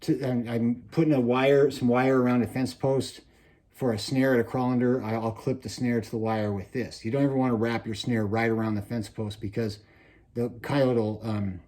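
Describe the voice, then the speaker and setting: A man presenting a casual how-to vlog in slightly slurred speech, as if wearing a mouthguard, with a faint whistle on his S's and halting pauses to swallow. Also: mid-range voice, level tone, dark tone. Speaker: trapping video presenter.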